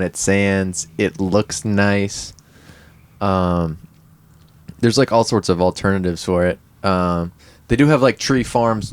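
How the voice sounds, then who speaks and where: A man's voice: lowish voice, clear, resonant tone, no echo. A man co-hosting a casual podcast chat from a parking lot, laughing often and explaining things loosely. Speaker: podcast co-host. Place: parking lot near a van.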